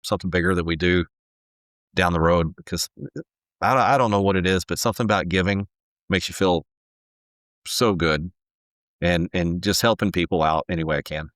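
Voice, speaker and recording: A man in his forties with a deep voice answers questions in an earnest, halting way, restarting sentences as he goes. The sound is dry and close, with no room behind him. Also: a bit bright, dry recording. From Texas. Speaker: home builder, guest. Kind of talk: casual interview answers.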